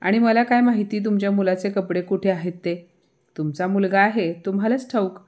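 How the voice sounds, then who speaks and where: A young daughter-in-law answers back with calm, dry defiance, as a woman storyteller puts her on. Her retorts stay cool and level. It suits a spoken storybook tale. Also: mid-range voice, moderate pace, natural voice. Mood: defiant.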